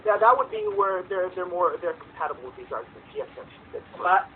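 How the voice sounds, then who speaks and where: A man with a high, very animated voice that has a gravelly edge, stumbling through restarts and fillers as he argues a point of philosophy. The sound is thin and phone-like, with faint hiss from the online call. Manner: halting, with many fillers and restarts. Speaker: debate participant. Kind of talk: casual philosophical discussion. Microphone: computer microphone on a voice call.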